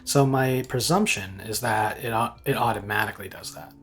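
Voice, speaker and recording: A man's voice: lowish voice, a bit bright. Man thinking aloud while coding. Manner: thinks aloud, halting with ums and restarts. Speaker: game engine programmer. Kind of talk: live coding walkthrough.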